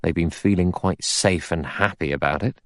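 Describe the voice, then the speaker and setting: Recorded dry in studio quality, a man with a deep voice close to his everyday speech talks at a moderate pace. He portrays an audiobook detective, a blunt, aggressive, suspicious, and cocksure middle-aged man who argues pushily and emphatically in colloquial bursts.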